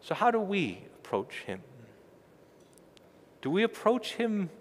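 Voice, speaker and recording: With a high voice and wildly swooping pitch, a middle-aged man preaches slowly as a pastor inside a large church sanctuary. Emphatic and repetitive, his volume swells loud and falls soft. There's slight background noise and a long church reverb.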